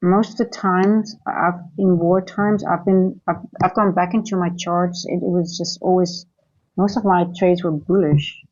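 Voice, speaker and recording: A woman's voice: fairly low pitch, fairly even intonation, a little slow, a little mellow, highs cut off. A woman who grew up in Singapore, hosting a live trading stream and thinking aloud as she goes, with many fillers and restarts. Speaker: trading livestream host. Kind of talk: live market commentary and viewer chat.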